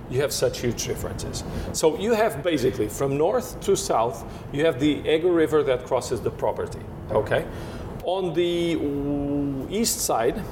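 A winemaker from Portugal, with Portuguese as his first language, describes his work in an interview and keeps restarting sentences as he searches for words. The recording is hissy, with a low rumble underneath.

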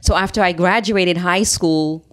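Earnest and measured, a business founder appearing as an interview guest recounts her story in a low voice. She comes from Haiti, and Haitian Creole is her first language.

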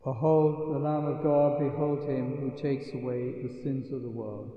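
Priest praying in a cathedral-like echo. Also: male voice, medium pitch, level tone. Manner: solemn, measured recitation. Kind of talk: liturgical prayer, chanted and spoken. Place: large reverberant church. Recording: echoey church reverb, muffled sound.

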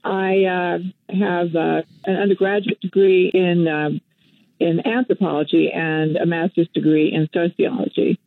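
Over a tinny phone line, an older Western Canadian woman, a guest activist and journalist, reflects and tells stories in a casual interview, using many fillers and restarts. Her lowish voice is level and measured, with no room sound.

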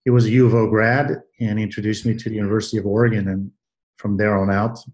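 A man in his sixties from Belgium speaks with a somewhat low voice. He answers questions in a measured way, pausing with fillers and restarting phrases as he recalls his career. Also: level tone, darkish tone, highs cut off. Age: 60s. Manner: measured, many hesitations and restarts. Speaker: guest, athletic trainer. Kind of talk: interview answers.

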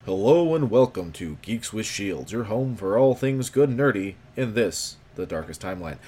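A man's voice: lowish voice, expressive, normal speed, music in the background. A man co-hosting a podcast, chatting casually, joking and laughing often with loose restarts. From Idaho, USA. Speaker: podcast co-host. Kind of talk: casual chat.

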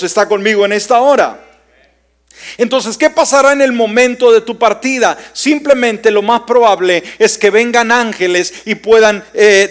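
High-voiced pastor preaching. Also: male voice. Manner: emphatic, questions the congregation. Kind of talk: sermon.

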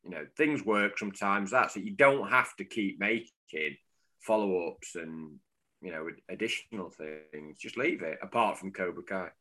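A man's voice: low-pitched, lively intonation, moderate pace, bright, forceful tone. A man co-hosting a football podcast, rambling and joking in casual chat. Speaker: podcast co-host. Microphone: remote call, cuts out.

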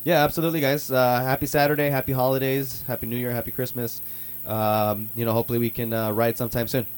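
A man's voice: medium pitch, fast, clear, resonant tone. A man hosting a radio talk show, chatting casually and upbeat with lots of fillers. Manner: relaxed, filler-heavy, upbeat.

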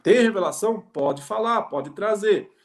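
A man's voice: sits high, lively intonation, a little slow. A man preaching and teaching from the Bible, explaining verse by verse, often asking rhetorical questions.

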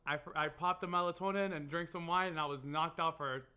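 Male podcast guest, bright forward tone, fairly high pitch, casual. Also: steady tone, brisk, clean tone. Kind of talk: casual chat.

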